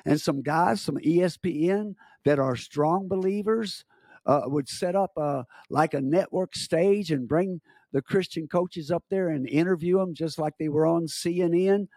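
Older male missionary guest, gravelly, slightly high, dry close sound, halting earnest storyteller. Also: a little mellow, dry recording. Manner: halting with repeated starts, earnest. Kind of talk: casual storytelling interview.

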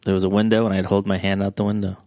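Man co-host, low voice, few words, dry close sound. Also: little pitch movement, rapid-fire, darkish tone, no echo. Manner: laconic, short dry remarks. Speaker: podcast co-host. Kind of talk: casual podcast chat.

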